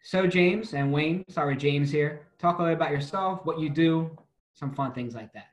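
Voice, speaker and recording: A man's voice: on the high side, moderate pace, reverberant, muffled recording. A man hosting and moderating a panel discussion over a video call, in a friendly, conversational way. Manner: upbeat, conversational. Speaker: webinar host.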